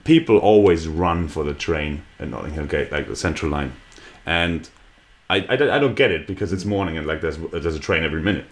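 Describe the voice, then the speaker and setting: A man's voice: extremely low pitch, expressive, a little fast. A man in casual conversation, often restarting his sentences and breaking into laughter while telling a story. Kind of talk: casual chat.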